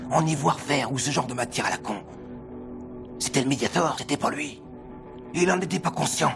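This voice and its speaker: A man voicing a secretive music-shop clerk in a French film dub, talking in a hushed, conspiratorial way. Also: medium pitch, expressive, brisk, gravelly. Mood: storytelling.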